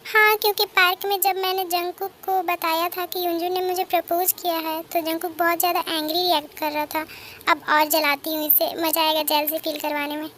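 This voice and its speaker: A woman's voice: very high-pitched, little pitch movement, a little fast, a bit bright, slight background noise. A woman plays a lovesick, teasing teenage girl who sulks and pleads. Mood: sulky. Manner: pleading, sulky.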